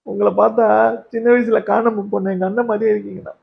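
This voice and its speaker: Man doing a weepy youth, high gravelly voice, tinny lo-fi sound. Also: little pitch movement, fast. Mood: tearful. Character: weepy young man, sentimental and tearful.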